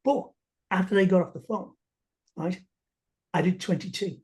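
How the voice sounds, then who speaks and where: A man chatting casually, halting and restarting his sentences often. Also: sits high, a little mellow. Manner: halting, many restarts and fillers. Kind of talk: casual conversation.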